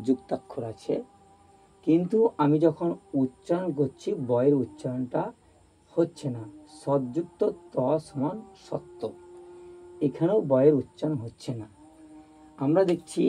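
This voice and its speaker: A man's voice: on the high side, dark tone, breathy edge, low-quality recording. A man teaching a grammar video lesson, explaining step by step, repeating his points and asking if everyone has understood. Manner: checks that viewers understand.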